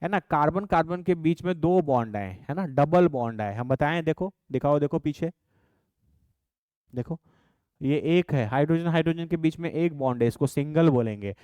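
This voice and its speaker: Male teacher, crisp voice with a raised pitch, explains and dictates notes patiently. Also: animated, darkish tone, no room sound, dull audio. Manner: dictates definitions slowly, calls students "babu". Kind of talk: classroom chemistry lesson.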